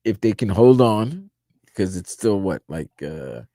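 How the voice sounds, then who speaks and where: A man's voice: on the low side, very animated, measured pace, warm tone, dry recording, clean studio sound. A man co-hosting a sports radio show, breaking down the game emphatically, restarting his sentences. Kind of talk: postgame radio analysis.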